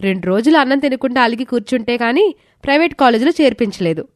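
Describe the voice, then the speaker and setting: A woman's voice: fairly high pitch, expressive, fast, dry recording, studio quality, close to an everyday voice. A woman voicing a sulky, sarcastic college-going younger sister in a storybook tale. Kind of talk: storybook dialogue acting.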